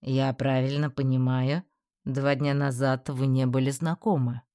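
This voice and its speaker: A woman's voice: rumbling low, level tone, unhurried, dark tone, smooth, no echo, studio quality, pitched below the performer's own voice. A woman voicing a cold, sarcastic male university professor who speaks in an icy, cutting, mocking tone. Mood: icy sarcasm.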